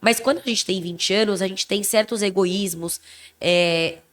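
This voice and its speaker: A woman's voice: medium pitch, unhurried. Emphatic young Brazilian woman podcaster. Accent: Brazilian Portuguese. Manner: expressive, emphatic, self-described loud voice. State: a bit under the weather. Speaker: podcast co-host. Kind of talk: casual chat.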